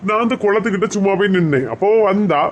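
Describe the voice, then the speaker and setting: A man's voice: high-pitched, quick pace, a little hiss or hum. A man with a Kanyakumari Tamil accent playing a quarrelsome husband in a comic skit, scolding and arguing. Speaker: comedy skit actor.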